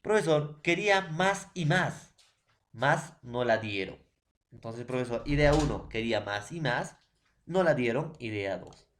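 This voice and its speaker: A man's voice: medium pitch, expressive, a little hiss or hum. A male secondary school teacher with a Peruvian Spanish accent, giving an online class lecture, asking his students constant check-in questions and stressing key terms. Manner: repeats "profesor" and "¿ya, jóvenes?" as verbal tics; emphatic rises on key terms, drawn-out slow words.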